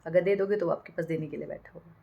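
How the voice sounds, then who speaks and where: A woman's voice: sits low, fairly even intonation, rapid-fire, gravelly, breathy edge, highs cut off. A young woman, a manifestation coach, talking casually and directly to the viewer, sprinkling in English words. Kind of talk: casual spiritual advice talk.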